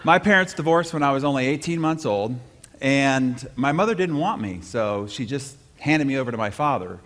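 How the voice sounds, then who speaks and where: A middle-aged man speaking as a motivational speaker at a live seminar, telling stories in an animated, punchy way with self-deprecating humor. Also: mid-range voice, moderate pace. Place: stage before a live audience.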